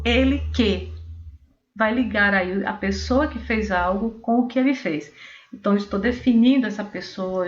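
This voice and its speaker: A woman teacher with a Brazilian Portuguese accent giving an English class, explaining slowly and stretching out example phrases. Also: mid-range voice. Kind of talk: recorded online class. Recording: dull, slightly noisy class recording.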